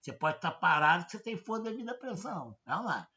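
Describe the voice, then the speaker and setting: A man's voice: high-pitched, sing-song, fast talker, bright, forceful tone. A male professor, giving an informal lecture, constantly checking in with rhetorical questions. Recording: dull lo-fi audio.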